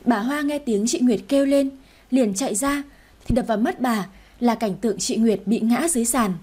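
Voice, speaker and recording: A woman narrating a story in the first person with steady, even-toned reading. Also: on the high side, moderate pace, husky.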